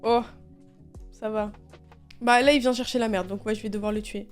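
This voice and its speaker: A young woman streamer telling stories casually while gaming, animated and exasperated, swearing and laughing often. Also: a little high, normal speed, faint music behind.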